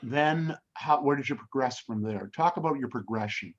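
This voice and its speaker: A man's voice: mid-range voice, normal speed. An older man hosting an interview, who often stumbles and repeats words while starting his questions. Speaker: interview host. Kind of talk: casual interview. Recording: slightly dull lo-fi sound.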